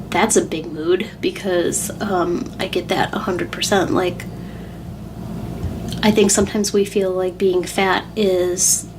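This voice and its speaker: Female vlogger, vulnerable and upset, close to tears, candid halting speech, some ambient noise behind. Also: mid-range voice. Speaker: weight-loss vlogger. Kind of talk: confessional personal vlog.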